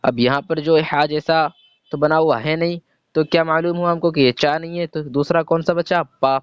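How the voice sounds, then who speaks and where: On a dry, dull, lo-fi recording, a man with a high-leaning voice, clear and resonant with fairly even intonation, runs through a slow reading lesson. He spells out letters and sounds one at a time, patiently asking questions and then answering them.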